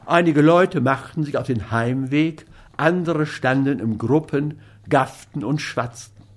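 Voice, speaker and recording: A man reading a novel aloud as narrator in a measured, storytelling manner. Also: fairly high pitch. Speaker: audiobook reader. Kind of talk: scripted narration.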